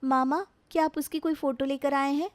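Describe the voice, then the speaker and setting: A young woman voicing a sweet, clever young bride in a storybook tale, polite and soft. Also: high-pitched, steady tone, moderate pace, dry recording, natural voice. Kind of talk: storybook voice acting.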